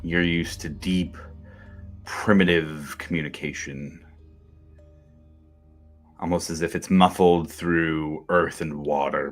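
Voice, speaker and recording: A man with a low voice runs a tabletop game, narrating scenes and calling out rolls in a relaxed, chatty way. Light music plays behind him. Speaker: game master.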